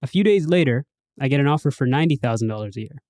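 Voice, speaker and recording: A man hosting a podcast, reading listener stories aloud and chatting casually between them. His voice sits at a middle pitch for a man, and he moves into a bigger, announcer-like delivery when he signs off. The sound is dry and close-miked. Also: animated, very fast, a little mellow, dry recording. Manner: switches into a bigger host voice for sign-offs.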